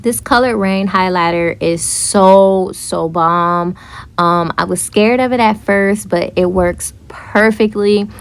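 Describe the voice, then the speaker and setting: A young woman narrating a casual makeup tutorial, chatty and relaxed, with frequent fillers. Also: mid-range voice, slow, smooth. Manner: chatty, with frequent ums and likes. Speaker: beauty vlogger.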